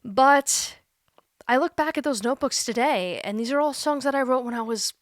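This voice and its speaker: A woman's voice: high voice, moderate pace, dry recording. Candid thirty-something woman, dry close sound. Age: 30s. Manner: earnest, self-deprecating, laughs at herself. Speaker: YouTuber. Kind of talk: candid reflective monologue. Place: home, seated in a creaky chair.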